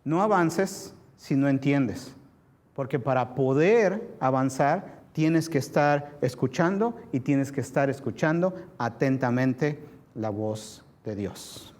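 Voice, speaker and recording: A male pastor preaching a sermon emphatically, stressing key words slowly, repeating them and speaking straight to his listeners. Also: mid-range voice, darkish tone.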